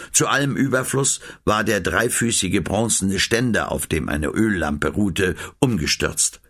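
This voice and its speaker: A man narrating a children's story with an expressive, lively reading. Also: low voice, breathy edge.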